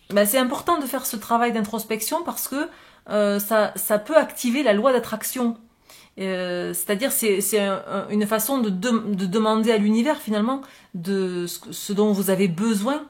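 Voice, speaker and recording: A woman giving a spiritual love card reading, with a gentle, reassuring manner, thinking aloud as she goes. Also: medium pitch. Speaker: oracle card reader.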